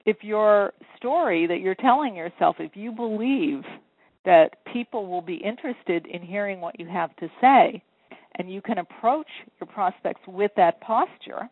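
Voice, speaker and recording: A woman's voice: medium pitch, dry recording. Woman coach on a tinny phone line. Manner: earnest, encouraging, explains step by step. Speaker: sales coach and author. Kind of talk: phone interview. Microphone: telephone.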